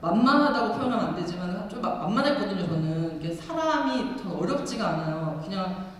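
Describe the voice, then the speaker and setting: A middle-aged nun giving an animated personal testimony talk with emphatic fillers. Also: female voice, medium pitch, fairly quick. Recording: echoey hall, far from the mic.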